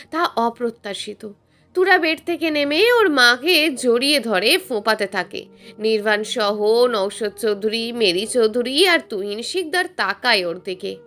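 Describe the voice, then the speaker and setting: Woman reading a story out loud, pretty high voice, calm and steady, little bit of music in the back. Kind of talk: scripted narration.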